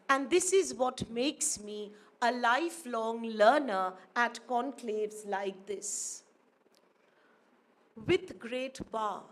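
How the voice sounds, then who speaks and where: A guest speaker at a formal university auditorium ceremony, this Indian academic, a native Urdu speaker, talks slowly in a high, slightly bright voice. She is measured and formal and returns to phrases to emphasize them.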